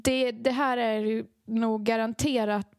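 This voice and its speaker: Lively young woman telling a story. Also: a little high, dry recording, clean studio sound. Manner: animated storytelling, acting out quoted dialogue, frequent laughter. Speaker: podcast co-host, songwriter. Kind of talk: casual chat.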